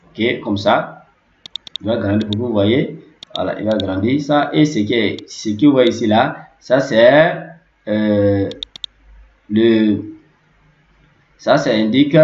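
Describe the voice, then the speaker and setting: A man's voice: mid-range voice, darkish tone. A man giving a spoken language lesson, repeating each word many times with lots of fillers and "ok". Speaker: language teacher. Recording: echoey lo-fi room recording.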